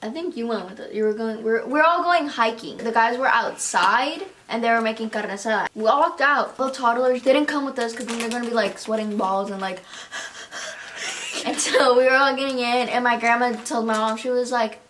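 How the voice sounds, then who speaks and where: Young woman telling spooky stories, kinda high voice, keeps saying like, acts out what people said. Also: brisk, few pauses, slight background noise. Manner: animated storyteller, acts out quotes, lots of "like". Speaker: vlog co-host. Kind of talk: casual ghost story telling.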